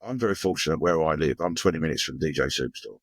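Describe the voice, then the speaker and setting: A man's voice: very deep voice, expressive, quick pace, husky, no room sound. A man with an Essex accent co-hosting a casual podcast, chatty and full of conversational tag questions. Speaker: podcast co-host. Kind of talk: casual chat.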